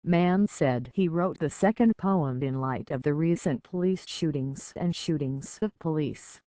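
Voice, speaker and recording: A news narrator reads a scripted report at a mid pitch, neither high nor low. The delivery is even and measured, and the sound is dry and close, with no room echo.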